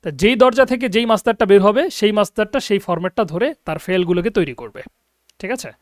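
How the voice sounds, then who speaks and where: A man's voice: sits high, expressive, quick pace, no room sound. A man teaching an online Arabic grammar lesson, patiently explaining and often checking that students follow. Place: abroad in Egypt, teaching online.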